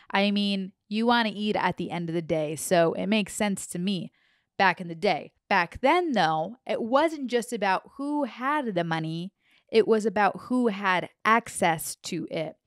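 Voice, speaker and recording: A woman's voice: medium pitch, dry recording. A young woman hosting a finance podcast in a small home studio, reading a script on a handheld mic with playful asides. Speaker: podcast host. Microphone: handheld dynamic mic, headphones.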